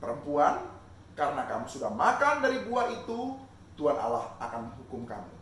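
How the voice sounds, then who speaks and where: A stern God pronounces judgment in a loud, solemn, proclaiming voice, as a man puts him on. The lines swing widely in pitch. The sound rings through an echoey room, captured from far off. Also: huge pitch swings, moderate pace, slight background noise.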